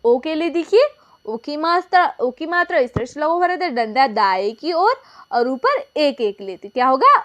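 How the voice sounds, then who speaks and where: A woman's voice: high voice, sing-song, normal speed, fairly bright tone. A woman teacher explaining a lesson step by step, asking questions and answering them herself. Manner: asks and answers her own questions, repeats key points. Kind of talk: classroom lesson.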